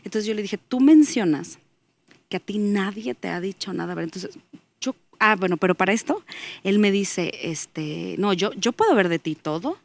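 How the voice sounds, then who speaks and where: A woman's voice: medium pitch, expressive, moderate pace, creaky, no echo. A woman, a guest giving an earnest faith testimony as she tells a story and acts out the dialogue in it.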